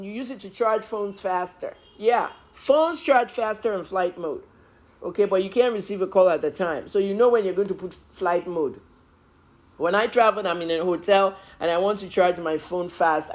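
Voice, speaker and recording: A middle-aged Nigerian-accented woman journalist delivers opinionated news commentary that is emphatic, blunt and scolding. Her voice is medium-pitched and darkish, at a moderate pace.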